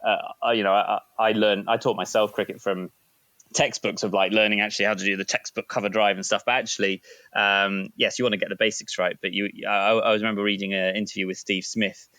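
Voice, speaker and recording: A middle-aged man chats as a podcast guest, rambling and hesitant with plenty of fillers. His voice is fairly low yet bright and forceful. The close mic sounds dry. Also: flat delivery, quick pace, dry recording. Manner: rambling, hesitant, self-deprecating. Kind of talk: casual chat.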